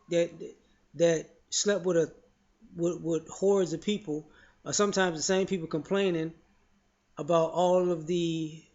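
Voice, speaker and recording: A man's voice: sits high, a little mellow. A man giving his opinions in casual spoken commentary, frank and loose, often saying "you know" and restarting his sentences. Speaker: vlogger sharing opinions. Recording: dull lo-fi audio.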